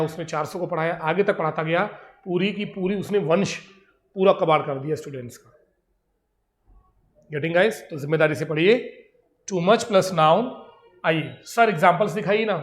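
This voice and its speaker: Speaking with an Indian accent, a man teaches English grammar in a classroom, giving his explanations in Hindi and reading English examples slowly. His voice is a little high, and the room echoes.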